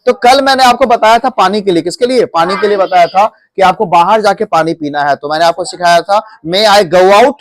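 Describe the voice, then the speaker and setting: A man's voice: high voice, brisk, hardly any pauses. A man teaching English phrases in a classroom, coaxing and repeating questions to his students.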